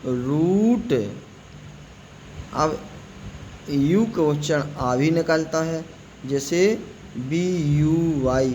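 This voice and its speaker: A man teaching English pronunciation, slowly spelling out words letter by letter and repeating them. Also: on the high side, a little mellow, highs cut off, slight background noise. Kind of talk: spoken classroom-style lesson.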